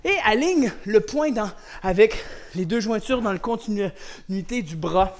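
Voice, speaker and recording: A man with a Quebec French accent teaching an online karate class for children, shouting counts and commands with lots of energy. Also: high-pitched, animated, a little slow. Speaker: karate instructor.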